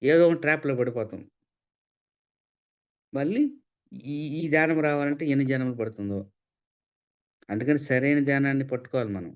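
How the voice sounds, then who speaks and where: A spiritual speaker gives a talk, asking rhetorical questions and repeating points for emphasis. His medium-pitched voice is clear and resonant, at a moderate pace with frequent pauses, though the recording sounds slightly dull and lo-fi.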